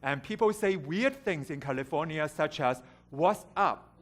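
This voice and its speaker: A guest preacher raised in Hong Kong tells stories about his own life in a sermon, speaking candidly, joking lightly and making fun of himself. His voice is on the high side, with lively intonation and an unhurried delivery, in a church sanctuary.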